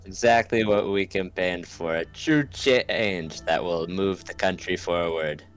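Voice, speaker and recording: This scripted voice-over for a political game features a man playing an earnest reformist politician. His voice sits low, with a clean tone and unhurried pace, delivering declarative points in a mood of earnest resolve against background music.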